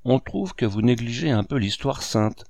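A man reading the part of a composed village priest who speaks calmly, dryly and firmly. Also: medium pitch, normal speed, gravelly, dry recording. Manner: calm, dry and firm.

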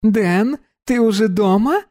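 A man putting on a teasing party girl, high and purring. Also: animated, a little mellow. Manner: playful, mocking, drawn-out purring lines.

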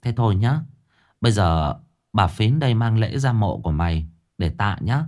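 A man voicing a stern village shamaness who scolds quickly and sharply. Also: on the low side, lively intonation, darkish tone. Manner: scolding, brisk.

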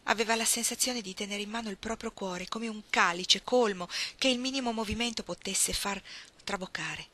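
Woman narrating a literary audiobook; bright, clear voice, measured, expressive pacing. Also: medium pitch. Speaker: reader. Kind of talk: audiobook reading of a novel.

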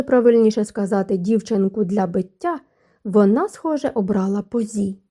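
Dark-toned woman narrating a novel. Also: a little high. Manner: even, storytelling delivery. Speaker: audiobook narrator. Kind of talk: scripted narration.

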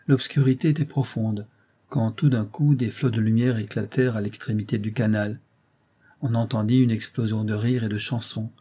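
A man narrating a classic tale as an audiobook in a measured, literary way. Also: medium pitch, warm tone, breathy edge.

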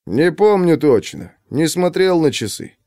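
A man voicing a shaken young police lieutenant who speaks haltingly and distractedly. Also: on the high side, very animated, dark tone, no room sound, studio quality, pitched above the performer's own voice.

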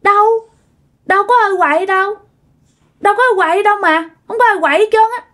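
A woman voicing the ghost of a five-year-old boy, high and childish. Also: quick pace, sharp tone. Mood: stubborn. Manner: high childish singsong, whiny.

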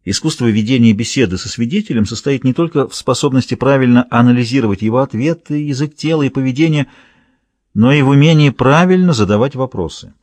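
A man narrating a thriller audiobook in a measured, even reading. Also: medium pitch, dry recording. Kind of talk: scripted narration.

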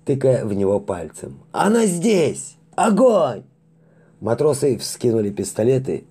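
A man narrating a science fiction audiobook in a lively storytelling manner, acting out the characters. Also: lowish voice, breathy edge.

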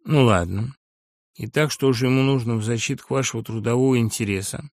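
A man's voice: medium pitch, fairly quick, no echo, close to an everyday voice. A male audiobook reader voicing an irritable, eminent older professor who speaks formally and grows hesitant. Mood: exasperated. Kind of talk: audiobook character reading.

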